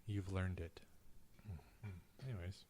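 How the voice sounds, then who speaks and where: A man's voice: sits low, fairly even intonation, slow, heavy background noise. A man playing a young sailor who trades dry, teasing banter with his shipmates in a comedy audio drama. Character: teasing, snack-hungry young male sailor.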